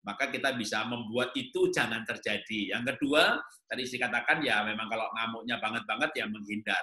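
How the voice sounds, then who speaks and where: Bright, animated guy giving marriage advice, voice jumps way up, echoey room. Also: fairly quick. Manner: animated, climbs high in pitch when making a point. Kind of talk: answering questions on a talk show.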